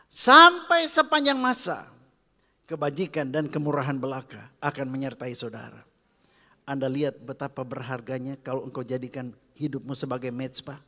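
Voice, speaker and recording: A man preaching a sermon as pastor, with an Indonesian accent, swinging from loud calls to hushed whispers. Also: mid-range voice. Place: church hall. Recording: long reverb of a church hall.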